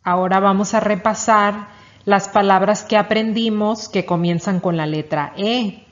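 With a mid-range, steady voice at a slightly slow pace, a woman teaches young children their letters. She patiently asks questions and praises every answer in this reading lesson, captured on a dull lo-fi recording.

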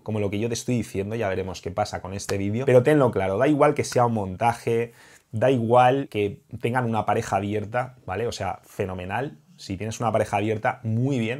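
A man's voice: fairly low pitch, a little mellow. A young man with a Spain Spanish accent, a dating coach talking straight to camera in an emphatic, heated and repetitive vlog monologue.

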